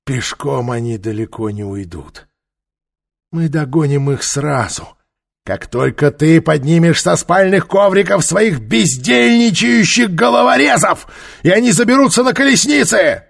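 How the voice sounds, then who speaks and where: A man's voice: mid-range voice, animated, a little slow, vocal fry, a little mellow. A male narrator voicing a cruel, domineering pharaoh warlord who barks orders and threats. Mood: barking orders. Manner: barking, commanding.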